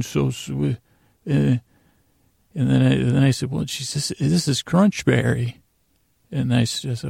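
A podcast host delivers a lighthearted, rambling bedtime monologue meant to lull listeners to sleep, halting and meandering into absurd, trailing tangents. His voice is gravelly and creaky, medium-pitched with a darkish tone. The recording is dry and studio-clean.

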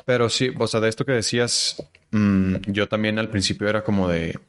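Male podcast guest, northern Mexican accent, low voice, reflective and rambling. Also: steady tone, moderate pace, smooth. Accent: northern Mexican (Chihuahua). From Chihuahua, Mexico. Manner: reflective, rambling with many fillers and restarts. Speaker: actor guest. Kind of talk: casual podcast conversation.

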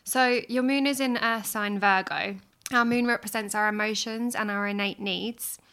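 A woman hosting a podcast, reading an astrology chart in a measured, explanatory way. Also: mid-range voice, steady tone, pushed and bright, clear, resonant tone.

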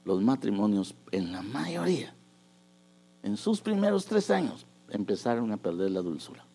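A man preaching a sermon, moving between hushed asides and loud, emphatic bursts. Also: fairly low pitch, very animated, normal speed, vocal fry, breathy edge.

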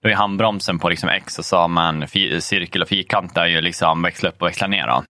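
A man's voice: sits low, sharp tone, dry recording, clean studio sound. A man co-hosting a podcast, rambling in casual chat about video games with many fillers and some swearing. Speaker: podcast co-host.

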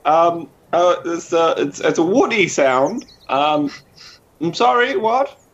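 A man voicing a small swashbuckling male mouse who fumbles a fib with a fast, innocent manner. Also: fairly high pitch, lively intonation, fairly bright tone, lo-fi sound, voice pushed up, full character voice. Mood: fake innocent.

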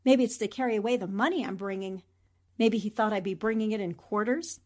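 A woman plays a plucky, wisecracking young newspaperwoman sleuth in a 1940s-style radio drama, muttering to herself in a wry, flippant, arch way. Her mid-range voice is fairly quick with a darkish tone and sounds close to how she'd normally talk.

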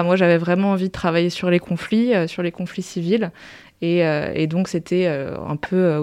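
A woman in her thirties answers interview questions in a smooth, clear voice. She pauses often on fillers as she speaks. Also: fairly low pitch, darkish tone. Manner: hesitant, frequent fillers. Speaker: guest researcher.

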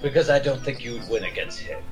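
A man's voice: mid-range voice, fast, soft background music, low-quality recording. A man playing a tabletop role-playing game, chatting casually and describing what his character does.

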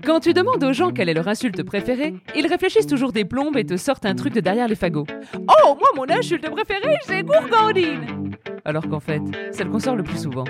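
A woman's voice: a little high, big pitch swings, fast talker, few pauses, over music. A woman hosting a comic podcast in a playful monologue, with mock-scholarly, teasing asides. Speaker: podcast host.

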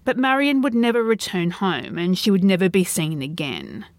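A woman hosting a podcast, reading a scripted true crime narration in a measured, serious, suspenseful storytelling manner. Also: medium pitch, very animated, dry recording.

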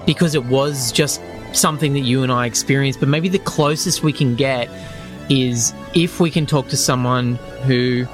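A man's voice: mid-range voice, moderate pace, over music. A man co-hosting a podcast in an easygoing, jokey way, with many short agreements. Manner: laid-back, jokey, lots of short agreements. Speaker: podcast co-host. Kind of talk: casual chat.

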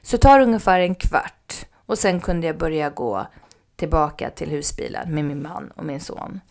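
A woman telling a personal anecdote in casual speech, animated, acting out what people said and sometimes dropping to a near-whisper. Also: deep voice, gravelly. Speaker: mother telling a personal story.

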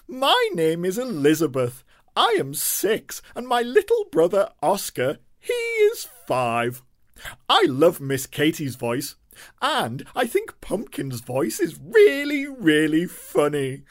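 A woman voicing an excitable, funny young pumpkin creature for a children's audio story, with a theatrical delivery. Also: fairly low pitch, slow, full character voice. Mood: grateful, excited. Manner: theatrical, wildly swooping delivery.

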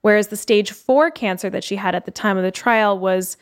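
A woman co-hosting a podcast, walking through a case in a relaxed, chatty way. She fills her talk with "like" and restarts. She is from Canada. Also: mid-range voice, fairly quick, clear, resonant tone. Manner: chatty storytelling with many fillers. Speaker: podcast co-host telling a case. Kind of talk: casual chat.

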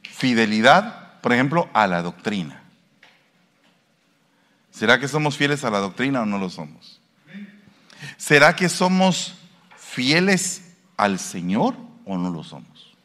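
Lively bright-voiced male pastor preaching. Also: medium pitch, takes it slowly, pauses often. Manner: preaching, asks the congregation questions. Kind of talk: sermon. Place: church. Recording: reverberant church hall.

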